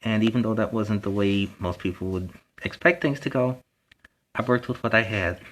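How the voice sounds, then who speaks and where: A man's voice: lowish voice, moderate pace, fairly bright tone. A man playing a friendly young superhero who reads a children's storybook and chats earnestly with encouraging asides. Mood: reflective, chatty. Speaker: storytime host and reader.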